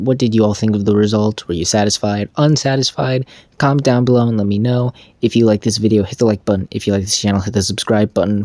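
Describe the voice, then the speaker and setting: Very deep-voiced man on box office. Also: darkish tone, no room sound. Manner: enthusiastic, stammers and restarts often. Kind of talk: casual solo commentary.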